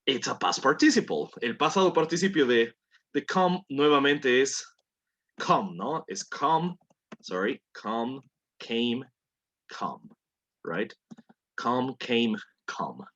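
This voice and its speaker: A man's voice: medium pitch, expressive, takes it slowly, fairly bright tone. A man teaching a language class, patiently coaxing students through pronunciation drills and repeating words for them to copy. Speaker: English teacher.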